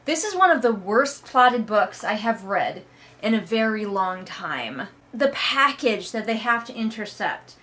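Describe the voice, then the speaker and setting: Her voice is medium in pitch, sing-song, a bit bright and a little slow. As a read-along host she riffs comedically and casually, sarcastic, emphatic and exasperated, cursing in an easy conversational manner.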